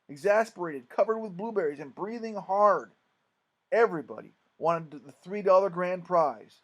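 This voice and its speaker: A man reading a storybook aloud, expressive, dropping to a hush and then rising loud. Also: a little high, rough recording. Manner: expressive, swings between hushed and loud. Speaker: audiobook narrator. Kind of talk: scripted storybook narration.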